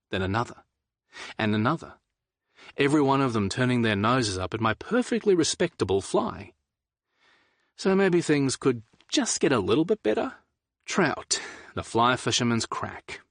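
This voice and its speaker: Man, low voice, romance audiobook narrator, measured, wry, dry close studio sound. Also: a bit bright, no room sound.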